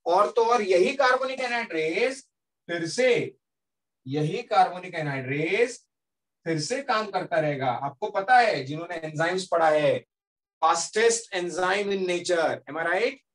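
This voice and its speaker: Male teacher, lively classroom storytelling, high voice, distant mic, classroom. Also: a little slow. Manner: lively, keeps checking with students. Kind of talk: classroom lecture told as a story.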